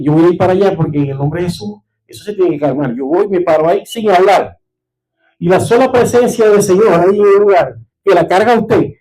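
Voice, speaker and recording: A man's voice: high voice, mellow, poor audio. A man preaching a sermon as pastor, telling stories and checking in with the congregation. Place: church service.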